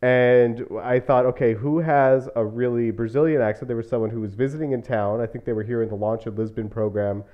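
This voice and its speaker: A man's voice: mid-range voice, steady tone, fairly quick, few pauses. A man hosting a podcast, telling stories in a chatty way full of casual fillers. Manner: chatty storytelling with frequent "like" fillers. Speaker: podcast host. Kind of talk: casual conversational interview. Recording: slightly muffled podcast audio.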